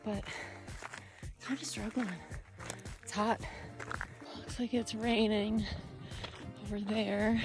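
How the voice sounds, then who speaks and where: A woman's voice: mid-range voice, little pitch movement, slow pace, pauses often. A woman vlogging casually outdoors on a mountain trail, talking slightly breathlessly while hiking and running. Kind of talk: casual self-filmed vlog talk. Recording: music behind the voice.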